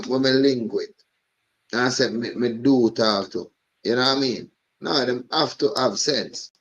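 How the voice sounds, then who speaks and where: A man's voice: medium pitch, highs cut off. A man hosting a live stream, chatting loosely and often repeating "you know what I mean". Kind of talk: casual chat.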